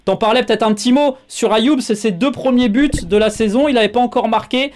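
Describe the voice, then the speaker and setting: A man's voice: very high voice, brisk, darkish tone, slight background noise. A man hosting a sports show, chatting casually with many filler sounds and asking his guest questions. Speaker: show host.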